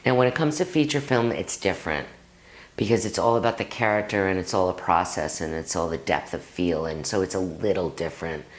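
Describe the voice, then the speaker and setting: A woman's voice: a bass voice, fairly quick. A middle-aged woman acting coach teaching straight to the camera, talking to her viewers as "guys" and acting out stories from her own life. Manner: lively, addresses viewers as "guys", acts out anecdotes. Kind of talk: direct-to-camera acting lesson.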